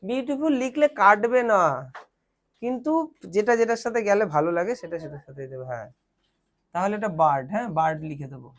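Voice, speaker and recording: A woman's voice: medium pitch, quick pace. A young woman teaches children translation, patiently asking questions and answering them herself. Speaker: tutor.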